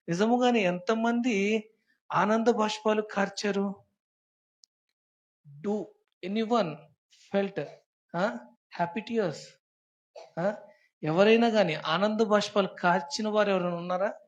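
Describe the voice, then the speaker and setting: A young adult preacher giving a Sunday sermon, constantly prompting the listeners with quick questions and slipping English phrases into the talk. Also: medium pitch. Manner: peppers talk with rhetorical questions and prompts to the congregation. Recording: dull lo-fi church recording.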